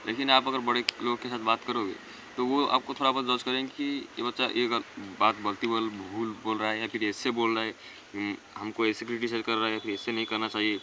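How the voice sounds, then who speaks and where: A man's voice: on the low side, flat delivery, a little fast, pushed and bright, a little hiss or hum. A teenage boy giving earnest, rambling self-improvement advice in a casual monologue. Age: teens. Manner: earnest, rambling, repeats himself.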